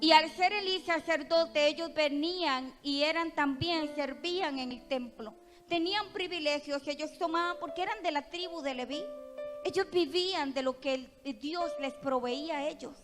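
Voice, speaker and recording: Costa Rican woman preaching, very high, impassioned, church hall reverb, soft music behind. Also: moderate pace. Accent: Costa Rican Spanish. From Costa Rica. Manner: impassioned preaching that swells into loud emphatic peaks. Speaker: pastor preaching as prophet. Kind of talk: sermon.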